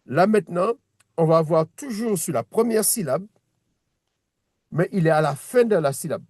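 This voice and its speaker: A man's voice: high-pitched, animated, moderate pace, darkish tone, no echo, studio quality. A man teaching a one-on-one reading lesson, patient, repeating words and restarting his sentences as he explains. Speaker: Hebrew teacher.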